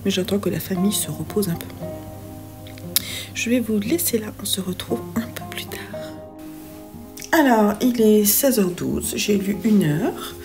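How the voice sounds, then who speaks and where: A woman's voice: medium pitch, animated, unhurried, long pauses, music in the background. A French woman chatting casually in a reading vlog from home, hesitant and full of fillers. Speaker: book vlogger.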